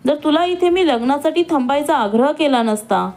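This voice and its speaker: A woman's voice: sits high, animated, moderate pace, darkish tone. A woman voicing a scheming, vengeful young woman who has escaped from jail and talks in a taunting, sneering way. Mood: angry.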